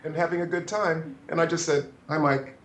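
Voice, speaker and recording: Animated man telling stories, echoey room. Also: a little high, a little fast, slight background noise. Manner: animated, restarts and acts out quotes. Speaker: photographer telling stories as a guest. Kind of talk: anecdotal interview storytelling.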